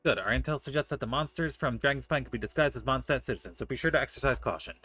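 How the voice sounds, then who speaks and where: A man's voice: mid-range voice, racing, sharp tone, breathy edge, dry recording, soft background music. A man streaming a video game, casually commenting and reading dialogue aloud.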